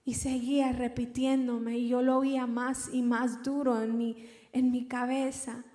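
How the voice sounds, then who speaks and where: Young woman giving a halting church testimony. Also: fairly high pitch, little pitch movement, mellow. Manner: halting, repeating words as she recounts. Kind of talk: emotional personal testimony. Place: large church hall. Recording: reverberant church hall.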